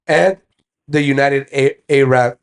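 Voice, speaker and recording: A young man co-hosting a casual podcast chat, explaining things in a halting way as he reads lists off his phone. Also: medium pitch, fairly even intonation, clear, resonant tone. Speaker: podcast co-host.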